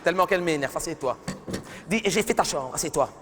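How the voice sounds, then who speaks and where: A man's voice: on the high side, expressive, quick pace, very noisy, close to an everyday voice. Man playing a nagging mother. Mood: fussing. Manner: fussing, nagging, repeating herself. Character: nagging middle-aged mother scolding her daughter. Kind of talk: live stand-up sketch. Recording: reverberant live arena recording.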